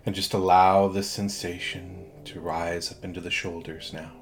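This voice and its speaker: A man guiding a hypnosis relaxation induction in a soothing, measured way, leaving long pauses between phrases. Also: low-pitched, level tone. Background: background music.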